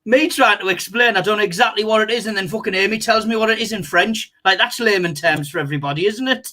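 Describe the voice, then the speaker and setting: Man, young, high voice, bright tone, animated sweary storyteller. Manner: animated storyteller, quick to laugh at himself. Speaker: co-host. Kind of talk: casual banter, swearing anecdotes.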